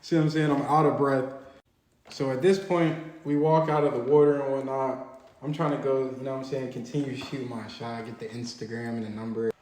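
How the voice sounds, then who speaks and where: A young man telling a personal story in casual, slangy, animated conversation. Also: medium pitch, a little fast, reverberant, poor audio.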